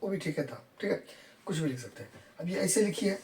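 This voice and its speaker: A medium-pitched, animated maths teacher talks a little fast, with background noise, sounding distant in an echoey room. His step-by-step lesson is in Hindi with numbers counted in English, and he repeats each point while checking students understand.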